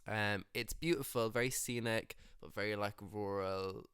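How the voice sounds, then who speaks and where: A young Irish man talks through an interview in a loose, jokey way, leaning on "like" constantly. His voice sits low and comes across smooth and clear. The sound is dry and close. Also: fairly even intonation, moderate pace, a bit bright, no echo. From Ireland. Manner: chatty, jokey, heavy use of "like". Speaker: musician and music teacher. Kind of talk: casual interview chat.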